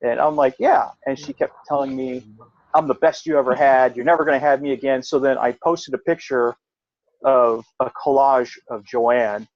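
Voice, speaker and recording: A man's voice: medium pitch, steady tone, moderate pace. Rambling middle-aged man, dull lo-fi sound. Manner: rambling storytelling, rising sharply when quoting himself. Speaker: podcast co-host, veteran. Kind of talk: casual chat.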